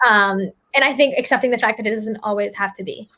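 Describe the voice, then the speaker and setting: A woman's voice: mid-range voice, quick pace, bright, forceful tone. Young woman, interview guest, reflective, lots of fillers, casual chat. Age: young adult. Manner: reflective, many fillers like "like" and "I think". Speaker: guest, student author and app maker.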